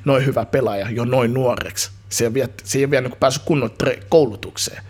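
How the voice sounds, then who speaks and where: Speaking at a medium pitch with a husky edge, a man in his thirties, both musician and youth football coach, rambles energetically through a casual interview, slangy and constantly restarting.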